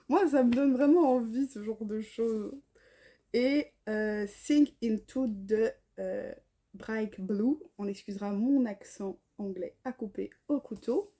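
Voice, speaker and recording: A woman with a fairly high but dark, husky voice chats casually about her books. She reads blurbs aloud, trips over names and sounds a little tired. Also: slow. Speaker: book vlogger. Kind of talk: casual chat.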